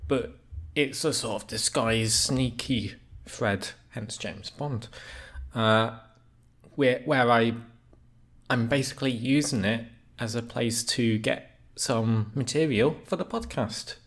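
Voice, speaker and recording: Slow, gravelly man, deadpan. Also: mid-range voice. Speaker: podcast co-host. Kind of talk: casual podcast chat.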